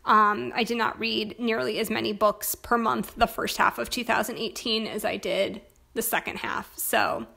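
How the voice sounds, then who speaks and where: A young woman in casual chat about her planner, hoarse from losing her voice, talking in a chatty way with lots of filler words. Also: fairly high pitch, fairly even intonation, normal speed, bright, forceful tone. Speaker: planner vlogger.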